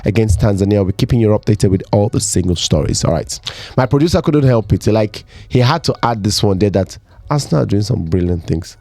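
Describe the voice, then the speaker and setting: A man co-hosting a casual sports podcast, animated and quick to mimic voices in his stories. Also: lowish voice, no room sound. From Nigeria. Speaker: podcast co-host.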